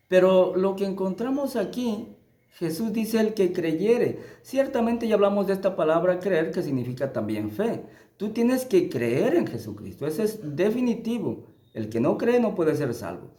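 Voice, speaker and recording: A man teaching the Bible in a sermon style, emphatic, lifting his voice for scripture and dropping low to press a point. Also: mellow, reverberant. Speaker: preacher.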